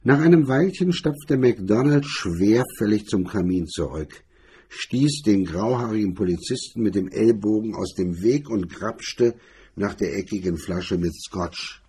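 A man narrating a crime story in a measured, steady reading. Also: lowish voice, breathy edge.

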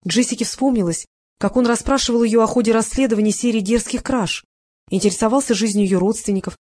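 A woman narrating a novel as an audiobook in a steady, expressive reading voice. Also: a little high, fast. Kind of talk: scripted narration.

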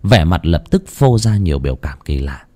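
A man narrating a ghost story in an expressive, dramatic storytelling manner. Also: sits low, moderate pace.

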